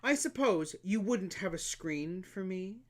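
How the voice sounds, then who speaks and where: Male reader doing a preening storybook flower, pitched well above his own voice, louder, sweetly demanding. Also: lively intonation, unhurried. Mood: vain. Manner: sweet, affected, theatrical. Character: vain coquettish flower, female, delicate and demanding.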